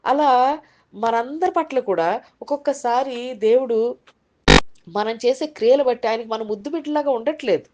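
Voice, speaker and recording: A woman's voice: fairly high pitch, darkish tone, muffled recording. A woman preacher giving a Sunday sermon in a conversational way, sometimes acting out worried inner voices. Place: online group meeting.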